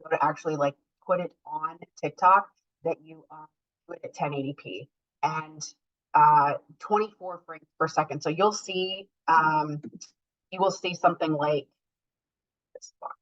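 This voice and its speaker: A woman's voice: low-pitched, fairly even intonation, unhurried. A woman teaching an online class over a group voice call, explaining step by step with many filler ums. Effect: heard over an online group voice call. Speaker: workshop instructor. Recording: dull lo-fi call audio.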